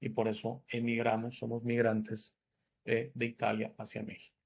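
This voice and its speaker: A man's voice: medium pitch, completely flat delivery, moderate pace, gravelly, breathy edge. A man from northern Italy, the host, telling a personal story in a reflective, casual way. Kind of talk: casual chat.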